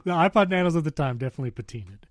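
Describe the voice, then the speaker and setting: A man's voice: a little high, lively intonation, rapid-fire, dry recording, clean studio sound. A man co-hosting a casual tech talk show, chatting and laughing often as he reads out the news. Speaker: podcast co-host.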